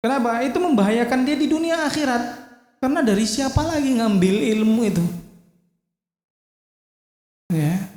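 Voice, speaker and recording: A man teaching a religious study lecture in a mosque hall. He talks in a lively way and acts out parents scolding their children. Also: very high-pitched, normal speed, pauses often. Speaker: Islamic teacher. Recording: echoey hall.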